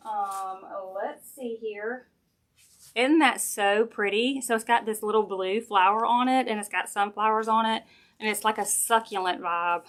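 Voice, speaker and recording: A chatty Southern woman crafts on a livestream, talking to viewers directly in a folksy, casual way while thinking aloud as she works. Her voice is medium-pitched with a fairly bright tone, captured by a sensitive live-stream camera mic.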